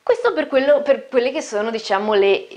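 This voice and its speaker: A woman's voice: a little high, expressive, darkish tone. Chatty Italian woman teaching German. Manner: chatty, repeats phrases slowly and clearly, frequent "ok?". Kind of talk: online language lesson.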